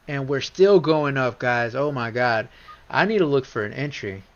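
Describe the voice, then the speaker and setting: Rambling, excitable man on a dull stream mic. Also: medium pitch, moderate pace. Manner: rambling, restarts often, gets excited and repeats himself. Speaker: livestream trading host. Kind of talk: casual live chart walkthrough. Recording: slightly dull lo-fi stream audio.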